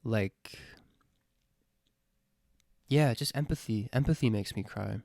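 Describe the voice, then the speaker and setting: A man's voice: fairly low pitch, takes it slowly, creaky, darkish tone, no room sound, studio quality. A man musing aloud in a casual, sincere monologue, hesitant and full of fillers, swearing now and then. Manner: rambling, hesitant, many fillers and restarts. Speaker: vlogger answering his own question list.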